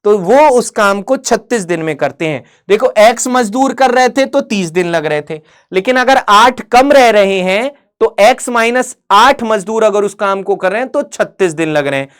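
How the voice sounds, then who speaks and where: A woman teaching an exam-prep maths lesson. She fires questions at her students, answers them herself, calls them "beta" and "mere bhai", and reads English problem text slowly before restating it. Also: medium pitch, animated, clean tone. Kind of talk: online exam-prep lecture.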